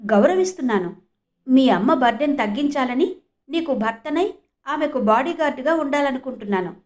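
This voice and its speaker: An earnest young man pleads and insists on his love, read by a woman in her own fairly high voice. He speaks in an audio storybook. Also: lively intonation, normal speed. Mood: insistent.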